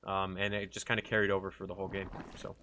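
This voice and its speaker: A man's voice: deep voice, monotone, fast, sharp tone. A man casting a live strategy game match in a loose, chatty way, swearing freely. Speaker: esports caster. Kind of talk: casual live game commentary.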